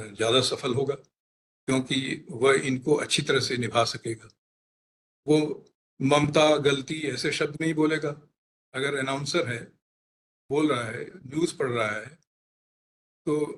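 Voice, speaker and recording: A man, a linguistics expert, explaining pronunciation in a deliberate teaching manner, spelling out and repeating his examples. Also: mid-range voice, fairly bright tone, a little hiss or hum. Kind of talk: explanatory career talk.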